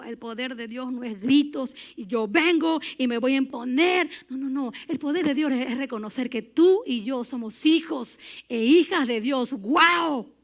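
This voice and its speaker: Woman preaching at church, high voice, goes loud then soft, kinda muffled audio. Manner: animated, swings between emphatic and hushed. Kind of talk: sermon.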